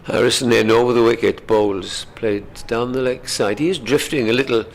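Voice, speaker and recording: A man with a gravelly voice giving live cricket commentary in an unhurried, conversational way. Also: medium pitch, steady tone, a little hiss or hum.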